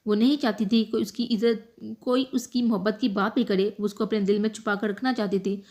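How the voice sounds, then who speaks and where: A woman narrating a romantic novel aloud in an emotive, measured storytelling manner. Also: mid-range voice, steady tone, a little mellow. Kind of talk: scripted novel reading.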